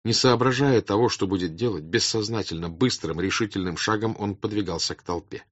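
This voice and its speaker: A man narrating a classic novel as an audiobook in a measured, expressive reading. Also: fairly low pitch, no room sound. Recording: dull lo-fi dry audiobook recording.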